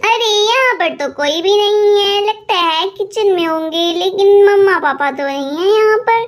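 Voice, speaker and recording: A woman's voice: very high voice, normal speed. A woman voicing a young girl doll in a storytelling video, anxious and calling out as she searches. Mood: worried. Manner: worried calling out.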